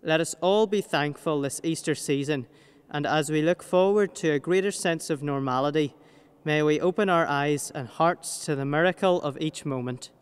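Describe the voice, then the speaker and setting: A teenage Northern Irish man, earnest and measured, reading a prepared reflection at a lectern in a large cathedral. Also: fairly high pitch, clear, resonant tone. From Northern Ireland. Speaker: youth reader. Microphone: lectern mic. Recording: long cathedral reverb.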